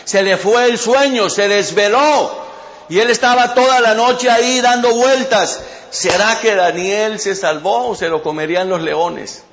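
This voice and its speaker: A male pastor delivers a storytelling sermon and keeps calling out to his congregation. His voice is high for a man. The recording has a dull, lo-fi quality. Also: fairly bright tone. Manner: storytelling with repeated call-outs to the congregation.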